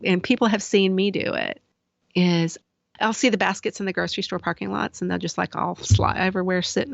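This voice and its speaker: A woman's voice: mid-range voice, gravelly, no echo, dull audio. A woman hoop instructor casually telling rambling stories, chatty and laughing at herself. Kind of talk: casual anecdotal storytelling.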